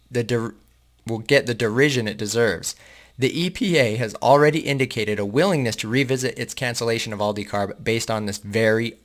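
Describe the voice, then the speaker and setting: A man's voice: mid-range voice, fairly bright tone. A man hosting a channel, reading an article aloud and breaking off into casual, indignant and sarcastic asides to his viewers. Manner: casual, addresses viewers as guys. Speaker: host reading and commenting on an article.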